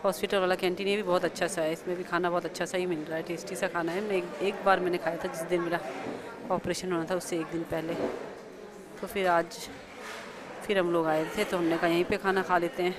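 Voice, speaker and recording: A woman vlogging casually in a soft voice, a little short of breath, speaking into a small clip-on mic. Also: on the low side, little pitch movement, fast talker, crowd noise. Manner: speaks softly after surgery, short of breath. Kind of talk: casual vlog narration.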